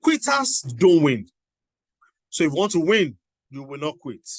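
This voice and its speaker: A man's voice: a little high, big pitch swings, unhurried. A middle-aged man giving a motivational teaching talk, emphatic and repeating his exhortations. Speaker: motivational coach.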